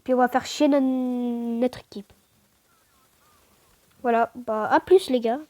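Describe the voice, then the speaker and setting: Une joueuse au timbre assez haut fait un commentaire de jeu décontracté. Elle trébuche sur ses mots et les répète, puis s'exclame avec vivacité. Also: female voice, a little high, a little fast. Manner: stammers, restarts words; excitable outbursts, slangy. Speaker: gaming channel host. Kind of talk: casual gameplay commentary.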